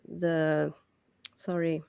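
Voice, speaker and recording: A woman's voice: deep voice, level tone, drawn-out words, vocal fry, darkish tone, clean tone. A woman in a casual book club chat, hesitant and laughing, often trailing off.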